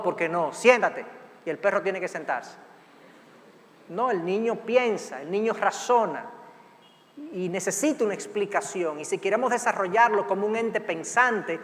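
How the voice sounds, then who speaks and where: A middle-aged male pastor giving an animated sermon, acting out parents and children in quick asides. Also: high voice. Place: large church hall. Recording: long hall reverb.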